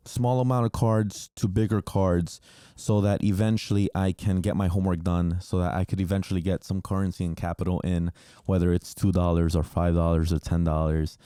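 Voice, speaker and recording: A New Jersey podcast host in his twenties, a native Spanish speaker, tells childhood stories solo in a loose, candid way, with lots of ums and casual swearing. His low voice has a dark, clean tone, captured dry with studio quality.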